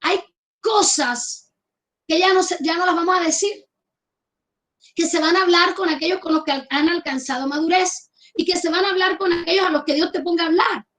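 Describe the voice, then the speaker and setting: Woman pastor, Colombian Caribbean accent, very high voice, fervent emphatic sermon. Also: moderate pace, fairly bright tone. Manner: fervent, emphatic preaching with repeated calls for amen.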